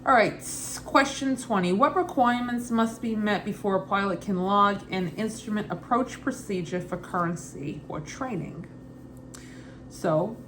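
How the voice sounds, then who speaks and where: A woman with a loose Brooklyn accent reads study questions and answers aloud informally, repeating and rephrasing as she thinks through them. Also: mid-range voice. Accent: Brooklyn, put on loosely and unevenly. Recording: clearly noisy ambient background.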